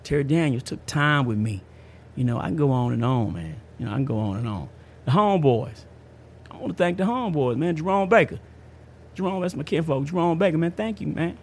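Here the fiftysomething podcast host sounds a little high and a bit fast, his intonation lively. He's telling a personal story casually and emphatically, full of slang and repetition, against a faint hiss or hum.

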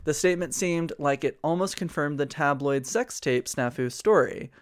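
A man's voice: fairly high pitch, normal speed, smooth. A man co-hosting a casual pop-culture podcast, reading from notes and then riffing in a chatty, joking way with laughs and the odd swear. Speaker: podcast co-host.

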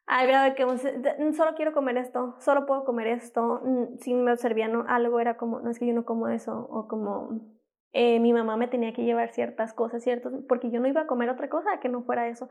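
A woman's voice: on the high side, a little mellow. A young woman, an interview guest telling a personal testimony, acting out the quoted exchanges as she speaks.

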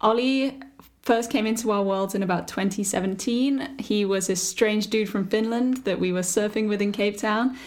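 A woman's voice: mid-range voice, darkish tone. Enthusiastic young woman co-host. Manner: friendly, enthusiastic. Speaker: podcast co-host. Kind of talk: casual podcast chat.

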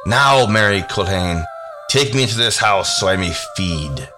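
A man voicing an evil, scaly male creature from a grave, hungry and commanding, in a slow, hissing voice. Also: lowish voice, animated, sharp tone, soft background music. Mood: menacing.

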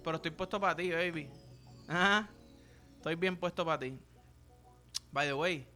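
With music in the background, a young Puerto Rican podcast host rambles through a crude, joking monologue in his Puerto Rican Spanish accent. He speaks at a measured pace in a voice on the high side that sounds pushed and bright.

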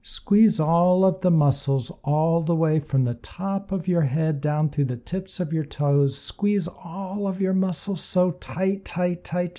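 A man leading a guided meditation in a soothing, gentle, unhurried manner that softens at times toward breathiness. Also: medium pitch. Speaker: meditation podcast host.

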